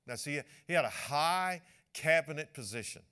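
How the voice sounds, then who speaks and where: A man's voice: on the high side, animated, moderate pace, bright, forceful tone, smooth. A male pastor preaching a sermon, repeating words and acting out quoted speech.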